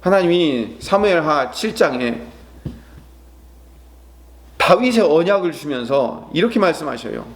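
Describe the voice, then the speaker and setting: High-voiced Korean pastor preaching. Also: male voice, very animated, measured pace, pauses often. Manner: dramatic preaching, acting out prayers and quotes with rising pitch; asks the congregation questions and answers them himself. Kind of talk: sermon.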